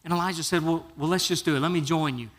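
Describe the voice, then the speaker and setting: A pastor delivers his sermon in a fairly high, lively voice, spinning Bible stories in casual, down-home phrasing. He acts out the characters' lines as he goes, letting his voice rise and fall. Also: quick pace. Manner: animated storytelling, acts out biblical figures.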